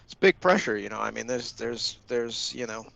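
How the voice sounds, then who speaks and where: A man's voice: mid-range voice, animated, normal speed, vocal fry, a bit bright. A man giving casual live sports commentary, laid-back with dry humor. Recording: dull lo-fi audio.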